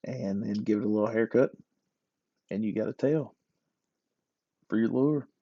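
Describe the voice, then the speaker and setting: A man's voice: fairly low pitch, moderate pace, warm tone, no echo. A man talking through a lure-carving tutorial in a casual, self-deprecating, joking way, recorded with slightly dull lo-fi audio. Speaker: hobby lure carver.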